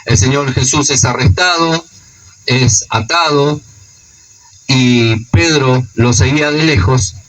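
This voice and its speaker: A man's voice: medium pitch, takes it slowly, fairly bright tone, far from the mic, poor audio. A man with a Rioplatense accent preaching a sermon. He retells scripture stories and often adds a questioning "no?". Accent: Rioplatense Spanish.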